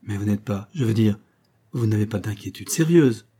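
Give me a man voicing a guarded woman on a tense visit, careful and hesitant, soft and dark in tone. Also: lowish voice, lively intonation, normal speed, slightly rough. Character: tense woman visitor hiding her worry. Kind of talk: audiobook character reading.

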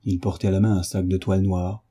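A man narrating a story in a measured, even audiobook reading. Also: deep voice, slightly rough.

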